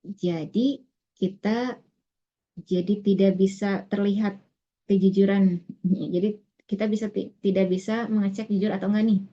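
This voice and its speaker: A female tutor explains a reading passage patiently in an online class, pausing often with fillers and restarts. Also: mid-range voice, mellow. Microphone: online class recording. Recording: muffled lo-fi online class audio.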